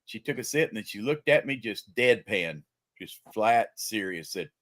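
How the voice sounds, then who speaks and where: A man's voice: on the low side, lively intonation, normal speed, a bit bright, a little hiss or hum. An older man, a grandfather, chatting casually and telling stories on a livestream. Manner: chatty storyteller. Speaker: livestream panelist. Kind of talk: casual chat.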